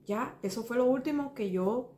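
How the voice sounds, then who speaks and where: A middle-aged woman with a Cuban Spanish accent, sharing a faith testimony in a slightly high voice. She talks earnestly and circles back over details, often turning to the listener as brother. The recording carries a roomy echo. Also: normal speed, mellow. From Cuba. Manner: earnest, rambling, restarts and repeats details, addresses listener as brother. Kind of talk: personal testimony.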